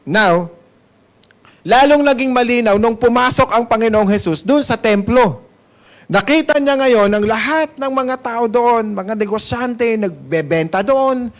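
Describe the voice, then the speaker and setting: A man with a Filipino accent preaching a Sunday sermon as pastor. He mixes Tagalog and English and keeps asking the congregation questions. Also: very high voice. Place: church service hall.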